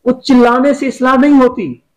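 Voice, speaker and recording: Male business coach guest, very high voice, instructive and repetitive. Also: fairly even intonation, a little fast, low-quality recording. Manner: instructive, repeats key phrases. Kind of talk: motivational advice in an interview.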